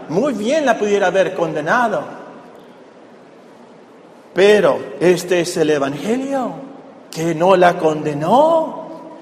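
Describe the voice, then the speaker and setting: A man preaching a sermon, explaining a Bible passage and asking the congregation rhetorical questions. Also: very high-pitched. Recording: echoey hall with long reverb, faint background noise.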